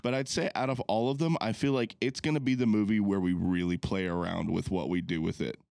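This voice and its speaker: Man, lowish voice, rambling swearing podcast co-host, dry sound. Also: fairly even intonation, fairly quick, vocal fry, darkish tone, dry recording. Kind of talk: casual chat.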